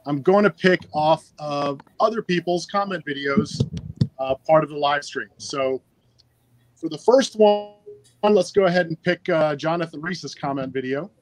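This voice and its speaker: A man's voice: a little high, normal speed, no echo, poor audio. A man hosting a live stream giveaway in a casual, chatty and upbeat way, talking into a phone. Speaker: livestream giveaway host.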